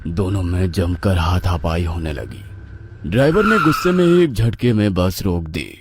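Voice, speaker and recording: A man tells a spooky story in a low voice, unhurried and drawn out. His pitch rises and falls widely to build suspense, and faint background music runs under him. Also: expressive, heavy background noise. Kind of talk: dramatic horror story narration.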